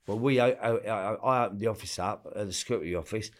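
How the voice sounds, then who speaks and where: A middle-aged man with a broad Essex, East London accent and a fairly low voice. He talks as an interview guest, telling stories casually in blunt, sweary slang, often checking that the listener follows. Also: fast talker. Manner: blunt, slangy and sweary, with repeated tag questions. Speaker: interview guest recalling his past in club door security. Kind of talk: casual conversational storytelling.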